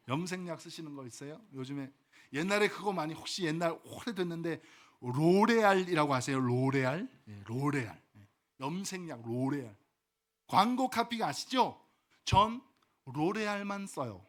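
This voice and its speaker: A male pastor preaching a sermon and leading his congregation in call-and-response, swinging from loud exhortation to soft asides. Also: fairly high pitch, animated, moderate pace.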